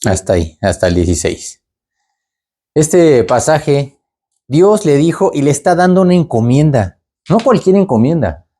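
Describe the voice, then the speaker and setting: A man preaching in a loose, conversational way, often tagging his points with "¿verdad?". His voice is mellow and relaxed, never harsh. He lifts his pitch to act out the people in the story he tells. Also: a little slow. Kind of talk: sermon.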